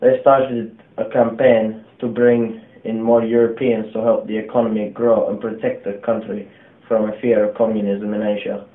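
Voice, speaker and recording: A young man voicing an elderly migrant scientist, reading a first-person account of arriving in a new country in a flat, steady way. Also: fairly low pitch, moderate pace, lightly acted. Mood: earnest. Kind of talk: read first-person testimony. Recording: echoey room, tinny phone-like sound.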